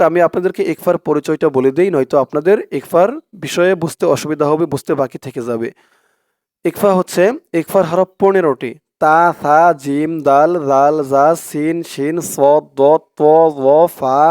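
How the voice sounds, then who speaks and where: A man teaching Quran reading, spelling words out letter by letter and explaining the sounds slowly and patiently. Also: fairly high pitch, darkish tone, clean tone, dry recording, clean studio sound. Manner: slow drawn-out chanting when reciting, brisk plain explaining between. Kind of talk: recitation lesson, spelling out letter by letter.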